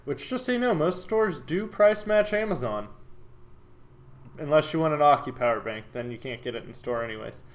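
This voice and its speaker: A man's voice: a little high, lively intonation, moderate pace. A young man hosting a casual podcast chat, joking and steering the topics. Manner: chatty, joking, shifts topics. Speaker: podcast host.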